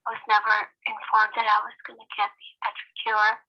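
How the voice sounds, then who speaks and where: A woman patient giving halting testimony at a hearing, heard over a phone held up to a video call, hesitant with many pauses and fillers. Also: medium pitch, completely flat delivery. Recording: dull, lo-fi phone audio.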